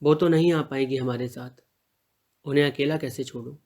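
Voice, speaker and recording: A man reading the part of a male truck driver in an audio story, calm and reassuring toward his partner. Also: mid-range voice, normal speed, close to an everyday voice. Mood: tender. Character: male truck driver, protective and teasing lover.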